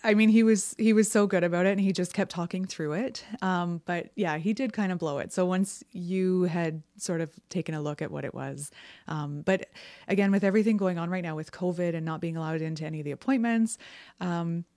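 Casting note: woman, lowish voice, soft and slightly shy guest on a podcast. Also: a little fast, no room sound, clean studio sound. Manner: soft-spoken, a bit shy. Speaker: host's wife, guest. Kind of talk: casual podcast chat. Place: home basement studio.

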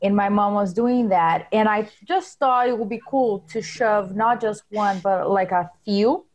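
A woman's voice: medium pitch, a little slow, dull audio. Woman co-host. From Brazil. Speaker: podcast co-host. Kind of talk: casual podcast chat.

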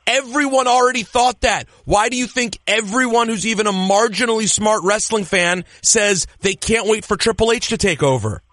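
Animated male podcast host, dry sound. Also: sits high, moderate pace, hardly any pauses, no echo. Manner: animated, opinionated ranting. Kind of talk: casual chat.

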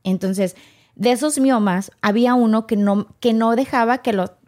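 A woman's voice: fairly high pitch, moderate pace. A woman, a podcast guest telling her own story with emotion and acting out the people in it. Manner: animated, acts out quoted dialogue.

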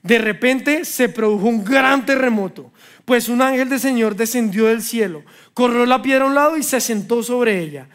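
A male pastor preaching a sermon with passion, dropping to hushed scripture reading, then building to loud, repeated refrains. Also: very high voice, normal speed. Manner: repetitive, rhetorical refrains.

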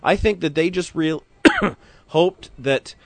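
A man's voice: on the high side, expressive, takes it slowly, fairly bright tone, no echo. A man giving casual, explanatory wrestling commentary as an analyst in a conversational manner.

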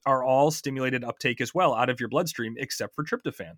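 A man's voice: mid-range voice, fairly quick, a bit bright, slight background noise. A man hosting a podcast, casually explaining science step by step and often checking in with his co-host.

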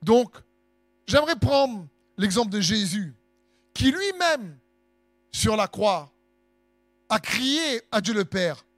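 A man's voice: sits high, very animated, slow pace, pauses often, a bit bright, no room sound, studio quality, faint music behind. A man preaching a sermon in an impassioned, sing-song way, letting his phrases swell for emphasis.

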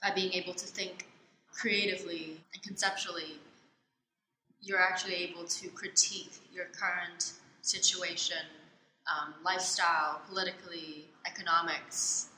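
A woman from Hong Kong, answering interview questions thoughtfully, with many pauses and fillers. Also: lowish voice, steady tone, pushed and bright, a little hiss or hum. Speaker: interviewee, art student. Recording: echoey space with faint ambience.

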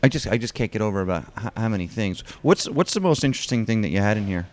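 A man's voice: on the low side, animated, fast, slight background noise. Hesitant curious man interviewer. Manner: hesitant, repeats words, curious. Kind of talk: casual interview.

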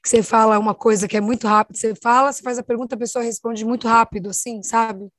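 A woman's voice: fairly high pitch, fairly even intonation, quick pace, a bit bright, no echo, studio quality. A Brazilian woman co-hosting a podcast, chatty and self-mocking in casual talk. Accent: Brazilian Portuguese. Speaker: podcast co-host.

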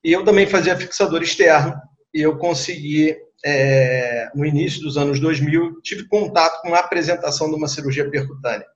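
A middle-aged guest surgeon from Rio de Janeiro, Brazil, speaks Brazilian Portuguese with a Rio accent at normal speed and a slightly raised pitch. In an interview he recounts and explains things conversationally, repeating words and adding tag questions, on a dull lo-fi recording.

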